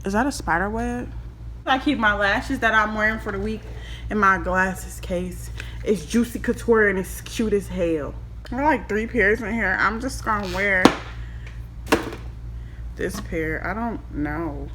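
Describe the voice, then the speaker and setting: A makeup vlogger in her twenties talks casually to the camera in a small home room, rambling and giggling as if tipsy during a makeup tutorial. She speaks at a medium pitch and a measured pace, with background noise audible.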